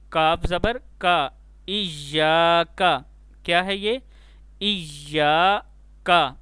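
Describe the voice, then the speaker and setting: A man leads a recitation lesson at a very slow, deliberate pace. He spells out each letter and vowel mark before chanting the word, drawing out the long vowels. His voice is smooth and resonant, recorded close and dry, with a slightly raised pitch. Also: fairly bright tone, no echo. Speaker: Quran recitation teacher.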